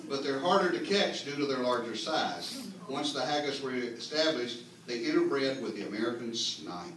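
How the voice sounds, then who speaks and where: In an echoey indoor meeting room, a man with a medium-pitched, slightly bright voice reads a humorous mock history aloud to his clan's gathering. He plays it mock-earnest, dropping folksy asides to the live audience. The mic is distant and picks up faint noise.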